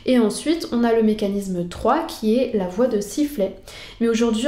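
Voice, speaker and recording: French singing teacher with a fairly high voice. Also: female voice, mellow, roomy sound. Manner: patient, explanatory, tutoring the viewer directly. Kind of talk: singing lesson explanation.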